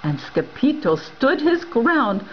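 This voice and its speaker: A woman reading a picture book aloud in an expressive, playful way, slipping in Spanish words. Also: sits high, slow pace, lo-fi sound, a little hiss or hum. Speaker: reader. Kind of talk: storybook read-aloud.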